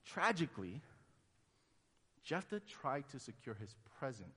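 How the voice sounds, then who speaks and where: A Honduran pastor in his thirties delivers a sermon conversationally, acting out the quotes he relates. His husky, medium-pitched voice is bright and forceful, sing-song at a measured pace, with a long hall reverb on the recording.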